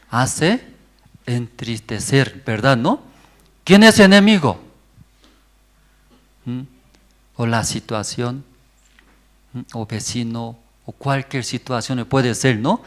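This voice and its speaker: A male pastor leads a church prayer service at an unhurried pace. He speaks in short, simple bursts and keeps checking in with his listeners after nearly every phrase. His questions to the congregation rise loud and animated, set against a mid-pitched voice. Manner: constantly checks in with the congregation with a rising 'mm?' and 'verdad, no?'.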